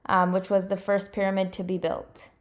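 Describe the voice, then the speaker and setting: A young woman talks through her travel vlog in a casual, easygoing voice-over, with plenty of "um"s. Her pitch sits in a middle range. The recording has a noticeable roomy echo. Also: moderate pace. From California. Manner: relaxed, chatty, frequent "um" fillers. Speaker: travel vlogger.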